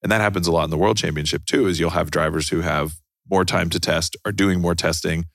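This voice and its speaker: A man in relaxed podcast chat, profane and animated, telling racing stories. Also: deep voice, fast talker, vocal fry, no room sound, clean studio sound. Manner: profane, animated storytelling with put-on quotes. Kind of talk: casual chat.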